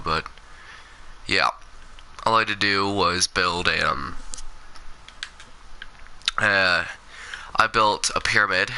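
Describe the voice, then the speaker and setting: A man's voice: low-pitched, vocal fry, pushed and bright, slight background noise. A sick man streaming a game, rambling casually, swearing and talking back to the game. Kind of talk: casual gameplay commentary.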